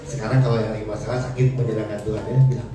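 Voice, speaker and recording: A male preacher, giving a lively sermon and acting out characters in slangy voices. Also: on the low side, very fast. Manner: animated, acts out characters in slangy voices, laughs often. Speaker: evangelist preacher. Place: church hall. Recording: echoey church hall, voice from far off, music behind.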